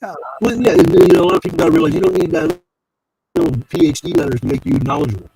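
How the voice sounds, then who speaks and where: A man's voice: high voice, huge pitch swings, fast talker, gravelly, dark tone, slightly rough, low-quality recording. A man talking casually as a guest researcher, heard over an online group voice chat that keeps breaking up, easygoing and rambling.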